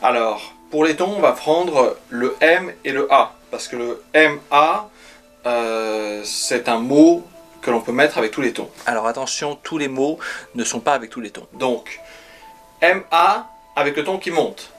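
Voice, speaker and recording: A man's voice: medium pitch, animated, measured pace, a bit bright, soft background music. A man giving a pronunciation lesson, carefully demonstrating letters and sounds one by one. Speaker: language teacher.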